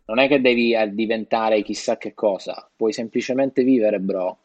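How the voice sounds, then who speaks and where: A man's voice: fairly low pitch, normal speed, darkish tone, no echo, highs cut off. A man with a Sicilian accent, co-hosting a podcast in slangy, profane, joking casual chat. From Sicily, Italy. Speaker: podcast co-host.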